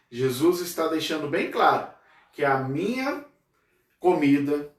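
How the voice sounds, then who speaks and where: A Brazilian man teaching a Sunday school class, telling stories in a casual, conversational way and pausing to ask his listeners tag questions. His voice sits fairly high. It echoes through a church hall, picked up by a mic some distance away. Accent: Brazilian Portuguese. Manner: conversational, frequent tag questions, slows for emphasis. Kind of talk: storytelling sermon.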